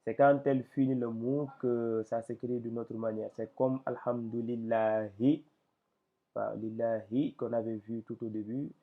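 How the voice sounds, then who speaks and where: A man teaching Arabic letters in a lesson, speaking slowly and hesitantly with many fillers and a gravelly voice. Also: mid-range voice, level tone. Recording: tinny lo-fi phone-like audio.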